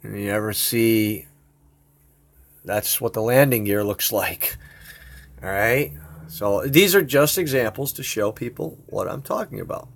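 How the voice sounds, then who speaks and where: A man's voice: fairly low pitch, unhurried, gravelly. A man rambling and swearing casually as he shares his computer screen in a home video. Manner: rambling, profane, excitable. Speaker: video host.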